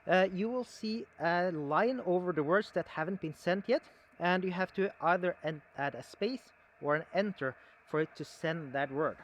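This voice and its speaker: This man's voice sits high as he casually shows off equipment as a hobbyist, unscripted and conversational, with a halting way of explaining. There's slight background noise.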